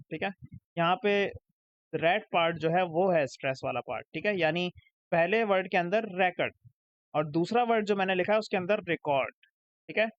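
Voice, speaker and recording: Young male tutor, Pakistani accent, high voice, step-by-step explainer; dry, slightly muffled recording. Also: no room sound. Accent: Pakistani Urdu. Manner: explains step by step, checks "ठीक है?" after each point. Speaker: English tutor. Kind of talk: recorded lecture over slides. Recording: dry, dull lo-fi sound.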